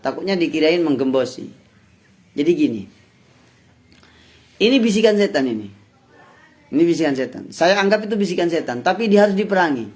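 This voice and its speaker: Javanese-accented preacher, fairly high voice. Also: male voice. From Indonesia. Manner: conversational, shifts between loud bursts and soft asides. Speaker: Islamic preacher. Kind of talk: pesantren study-circle sermon.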